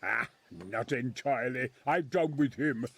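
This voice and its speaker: In a dramatic video game performance, an actor voices a nervous, middle-aged military engineer who once fought as a crusader. His husky, mid-range male voice carries a fairly bright tone at a measured pace, and he speaks earnestly in formal, old-fashioned language.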